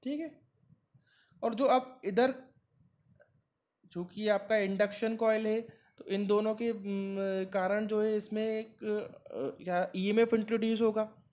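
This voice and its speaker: Speaking slowly in a high-pitched, a little mellow voice with fairly even intonation, a man works through exam-prep material step by step. He poses questions, answers them himself, and keeps checking in with "right?"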